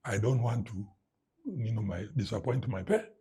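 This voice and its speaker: A middle-aged man with a Kenyan English accent tells his story to an interviewer. His voice is deeply husky and raspy, and his pitch roams widely as he acts out sounds and slips into Swahili. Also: normal speed. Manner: animated storyteller who mimics sounds and drops Swahili words. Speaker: guest.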